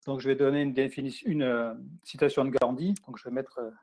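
A man's voice: mid-range voice, steady tone, fast, darkish tone. A man giving a screen-share tutorial to teachers, explaining plainly with frequent fillers. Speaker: teacher trainer.

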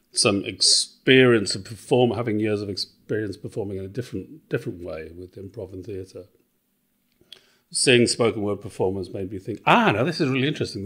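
A middle-aged Welsh man talking as a podcast guest. His voice sits fairly low, and he speaks hesitantly, pausing on fillers and restarting his sentences as he works out what to say. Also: fairly bright tone, husky. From Wales. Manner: hesitant, thinks aloud with many fillers and restarts. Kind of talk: casual interview chat.

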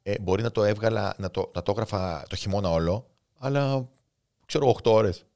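A man in his thirties with a Cypriot Greek accent and a lowish voice tells his own story on a podcast. He talks in an impulsive, heartfelt, spontaneous way, full of emotion. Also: darkish tone. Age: 30s. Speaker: guest author and coach. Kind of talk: casual interview chat.

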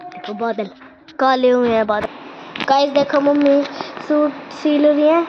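A woman's voice: sits high, a little slow, lo-fi sound, noisy background. A woman vlogging casually outdoors with her phone, chatty and always telling viewers to look. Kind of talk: casual walking vlog. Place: outdoors in a village around home. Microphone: phone held while walking.

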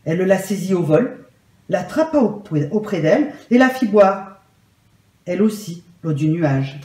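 A woman telling a children's story aloud in a calm, measured and soft way. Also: fairly low pitch. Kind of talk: gentle read-aloud storytelling. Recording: roomy echo.

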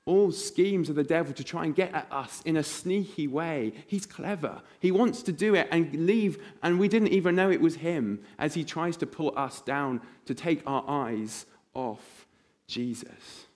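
A man preaching a sermon in church, telling vivid stories and acting out voices in a hushed tone. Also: a little high, a little slow, few pauses.

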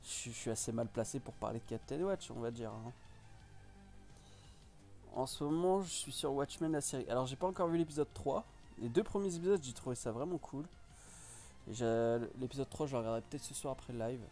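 A man's voice: medium pitch, brisk, dark tone, faint music behind. A man hosting a casual live stream, chatting and reacting to viewers' comments.

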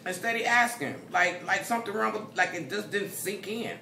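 A woman's voice: medium pitch, animated, moderate pace, gravelly, pushed and bright. An American woman in a casual mukbang chat, chewing while she talks as she eats. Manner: chewing while talking, eating salad. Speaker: mukbang host. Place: indoor room at a table. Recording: roomy echo, faint background noise.

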